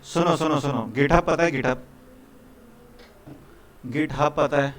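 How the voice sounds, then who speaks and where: A man's voice: a little high, steady tone, slow. A man teaching a live programming class to students in a casual, chatty way, often checking in with them and calling them brother. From India. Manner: casual, repeats "ठीक है" and "भाई", coaxing students.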